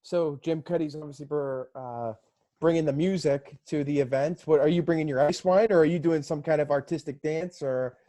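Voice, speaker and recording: Cheerful young male host, slightly high mellow voice, close and dry. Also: moderate pace, no room sound. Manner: upbeat, laughs often. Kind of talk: casual video call chat.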